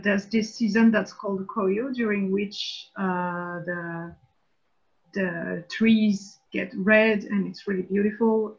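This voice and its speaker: A woman's voice: medium pitch, breathy edge. A woman from France, editor-in-chief, explaining her views at length in a casual online panel discussion. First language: French. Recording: dull lo-fi online call audio.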